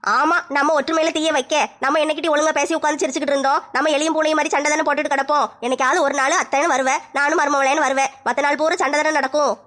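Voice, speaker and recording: Lady doing a fast flat-voiced mother-in-law, blunt. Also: high-pitched. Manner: rapid, blunt, scolding. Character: bickering middle-aged mother-in-law.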